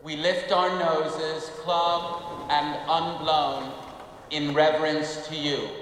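An actor playing a pious cult preacher in a film comedy, praying in a reverent, declamatory way. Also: male voice, a little high, level tone, slow, fairly bright tone. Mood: reverent, solemn. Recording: large echoing hall, faint noise.

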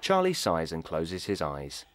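A man's voice: low voice, wildly swooping pitch, a little slow, background noise. A man giving scripted audio description narration of what happens on screen.

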